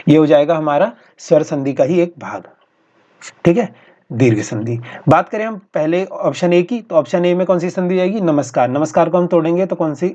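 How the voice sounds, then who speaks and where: Man teacher walking thru exam answers, keeps repeating them, warm low-key tone, kinda muffled lo-fi audio. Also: normal speed. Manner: steady and explanatory, often repeating the answer and adding "okay". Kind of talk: explaining practice exam answers. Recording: dull lo-fi recording.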